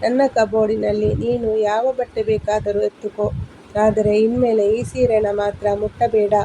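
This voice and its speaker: A woman's voice: mid-range voice, flat delivery, moderate pace, dark tone, slight background noise, lightly acted, poor audio. A woman voicing an angry young wife who argues back firmly against her mother-in-law. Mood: indignant. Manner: firm, indignant arguing.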